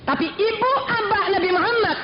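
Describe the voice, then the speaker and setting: A male Islamic preacher telling a story to his students in an animated sermon, at times breaking into sung Arabic recitation. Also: very high voice, fairly quick, a little hiss or hum. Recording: roomy, dull lo-fi recording with faint background.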